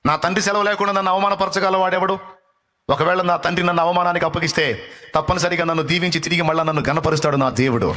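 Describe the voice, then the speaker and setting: A man preaching with a high, ringing voice that rushes ahead at a brisk clip. He exhorts and rebukes in a forceful live sermon, hammering phrases again and again. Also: steady tone. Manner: forceful, exhorting, rapid repetitions. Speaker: pastor. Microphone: live-stream microphone.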